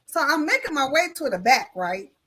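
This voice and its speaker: Joining a live talk show by video call, this Illinois notary speaks at a moderate pace in a high voice. Her colloquial storytelling is lively: she performs the voices of everyone involved and touches on her faith.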